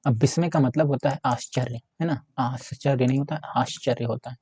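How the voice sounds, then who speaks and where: Husky-voiced man teaching grammar. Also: mid-range voice, steady tone, moderate pace, a little mellow. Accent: Hindi of Uttar Pradesh. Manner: repetitive, keeps asking 'है ना'; talks while writing on a board. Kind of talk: casual exam-prep grammar lesson.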